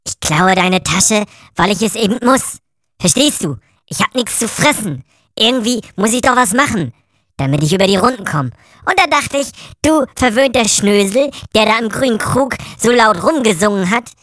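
A woman voicing a hungry, defiant young female thief in an audio story, talking quickly. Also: a little high, fairly bright tone, no room sound, studio quality.

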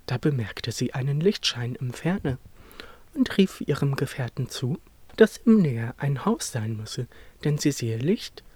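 A storyteller reads a fairy tale aloud at a slow, unhurried pace. The voice moves in a lively, melodic way, and the recording is dry and close. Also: mid-range voice, slightly rough, no room sound. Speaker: narrator.

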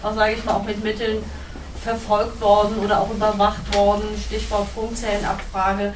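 A woman's voice: mid-range voice, completely flat delivery, normal speed. A woman moderates a panel discussion, putting long, formally worded questions to a guest. She is heard from some distance in a roomy hall, with faint background noise. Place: cinema hall. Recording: echoey hall, distant mic.

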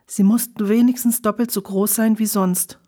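A woman reading a novel aloud as an audiobook narrator, in a measured, steady manner. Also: medium pitch. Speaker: audiobook reader. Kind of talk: scripted narration.

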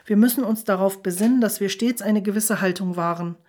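A woman reading a cool, commanding matriarch from a storybook, firm and measured, talking in a voice of ordinary height. she lays down the law without raising it much. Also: medium pitch, a little mellow, lightly acted.

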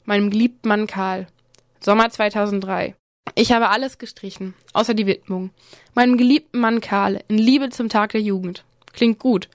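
A woman giving a measured, expressive literary reading of a novel excerpt in short phrases. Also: mid-range voice, dry recording, clean studio sound.

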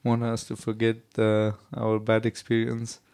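Slow, hesitant man. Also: fairly low pitch, completely flat delivery, gravelly, darkish tone, smooth, dry recording. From Afghanistan. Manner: halting, hesitant, searching for words. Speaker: interviewee. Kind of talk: interview answers in English.

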